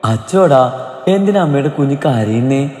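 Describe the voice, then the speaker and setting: Male narrator doing a tender young mother, soft caring speech, mellow tone, storybook reading. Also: mid-range voice, expressive, moderate pace, reverberant, in a large hall, close to an everyday voice.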